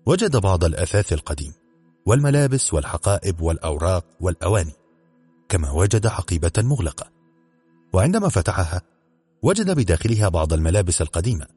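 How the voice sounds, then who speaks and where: Deep husky male storyteller. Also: big pitch swings, fast talker, dark tone, dry recording, faint music behind. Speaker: narrator. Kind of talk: audiobook narration of a detective story.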